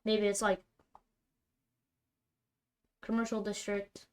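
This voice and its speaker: Slow and flat, this medium-pitched female streamer keeps up live commentary on her card game. She talks to herself as she plays and now and then erupts in frustration over bad luck.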